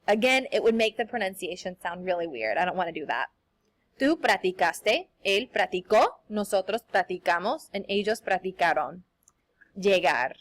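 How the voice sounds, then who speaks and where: Young woman teacher, cheerful sing-song delivery, models examples slowly for the class, mid-range voice. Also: medium pitch. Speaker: Spanish teacher. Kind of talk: recorded classroom lesson.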